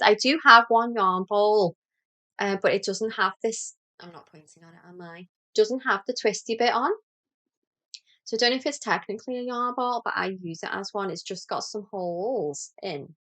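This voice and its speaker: A woman's voice: mid-range voice, a bit bright. A woman from Liverpool with a Scouse accent, hosting a knitting podcast in a chatty, rambling, self-deprecating way. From Liverpool, England. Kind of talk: casual chat to camera.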